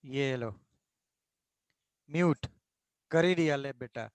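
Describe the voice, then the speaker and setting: A man's voice: medium pitch, smooth, no echo. Indian man dictating a chemistry lesson. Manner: slow dictation mixing Hindi and English, addresses students as beta. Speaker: chemistry tutor. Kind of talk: online class lecture.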